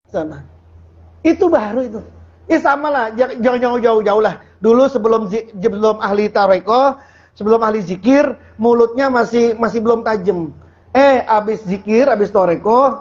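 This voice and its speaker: High-voiced male preacher, muffled recording. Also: normal speed, darkish tone. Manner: colloquial, joking, asks the audience questions. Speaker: Islamic preacher. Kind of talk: informal Sufi sermon.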